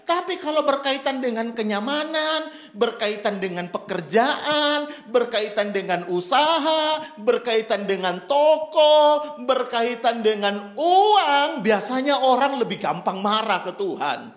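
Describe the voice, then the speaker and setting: A man preaching a sermon with a rather high voice. He speaks earnestly, drawing out his key phrases for emphasis, and his words echo through a reverberant church hall. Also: lively intonation, unhurried. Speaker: pastor. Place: church during an online service.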